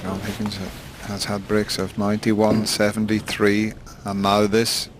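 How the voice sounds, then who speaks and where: Male snooker commentator, hushed and measured, lowish pitch, noisy arena broadcast. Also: monotone. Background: snooker arena audience.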